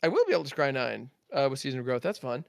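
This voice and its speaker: A man talking through his turn at a card game, counting out loud and dropping little sound-effect words as he plays. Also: mid-range voice, big pitch swings, racing, vocal fry, dry recording, studio quality. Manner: methodical, counts aloud, sound-effect interjections. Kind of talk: casual play-by-play of his own turn.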